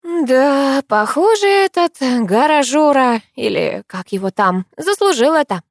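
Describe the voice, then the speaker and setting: A woman's voice: high voice, lively intonation, measured pace, dry recording, studio quality, pitched above the performer's own voice. A woman reading a playful, teasing young woman friend in an audiobook. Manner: teasing, giggly.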